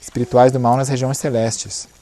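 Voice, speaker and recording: A man's voice: mid-range voice, level tone, normal speed, warm tone. A man giving a church conference lecture, explaining points and checking in often with short asides. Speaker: conference speaker.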